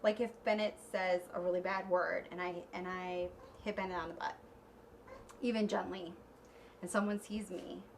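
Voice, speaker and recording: A woman's voice: fairly low pitch, fairly even intonation, normal speed, creaky, a little hiss or hum. A woman interviewed as a mother about parenting, speaking bluntly and with emphasis. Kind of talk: documentary interview.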